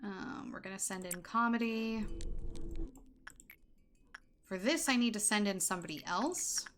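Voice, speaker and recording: A woman's voice: mid-range voice, measured pace, a bit bright, a little hiss or hum. A woman streamer giving casual let's-play commentary, muttering orders to her units and swearing now and then. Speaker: VTuber streamer playing a management sim. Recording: game music behind voice.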